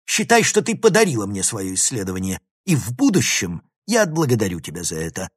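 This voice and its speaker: A man's voice: fairly low pitch, wildly swooping pitch, brisk, breathy edge, no room sound, studio quality, full character voice. A man voicing an arrogant, scheming male professor who sneers and bullies in an audiobook reading. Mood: sneering. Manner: sneering, condescending, flaring into shouts. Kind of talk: audiobook character voice.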